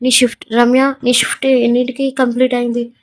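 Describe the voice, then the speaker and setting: A gruff, domineering police officer barks orders and questions in a storybook tale, as a woman reading the story puts him on. The voice sits fairly high and keeps a flat, even tone throughout. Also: fairly quick, natural voice. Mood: stern. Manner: gruff, commanding.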